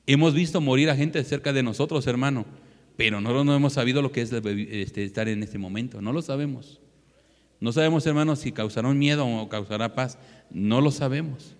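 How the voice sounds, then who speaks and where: A man's voice: mid-range voice, brisk. A man in his thirties preaching a sermon to a congregation, addressing them as brother again and again. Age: 30s. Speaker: pastor. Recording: long hall reverb.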